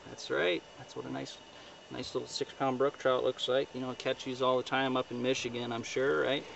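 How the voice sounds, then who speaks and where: A young fishing guide from northern Ontario sits in a boat on a lake, showing his catch and chatting upbeat to the camera with fillers like "right" and "you know." His medium-pitched voice is level, gravelly and fairly bright, at a moderate pace. A companion holds the camera a few feet away, so the outdoor audio is distant and noisy.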